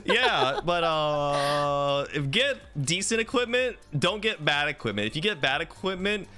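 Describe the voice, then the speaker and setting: Lively guy streamer host, bright voice, laughs a ton, faint music behind. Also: on the high side, unhurried. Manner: laughs often, animated. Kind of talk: casual podcast chat.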